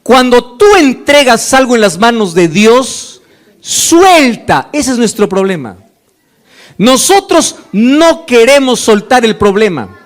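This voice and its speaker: Man, pastor, sermon, very high voice, rhetorical questions. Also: slow. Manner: animated preaching with dramatized dialogue and rhetorical questions.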